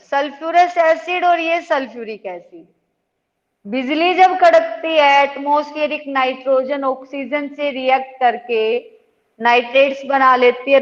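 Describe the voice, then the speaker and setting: A woman's voice: high-pitched, steady tone, unhurried. A woman teacher giving an online class lesson, patiently checking in with her students as she explains. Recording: dull lo-fi audio with long reverb.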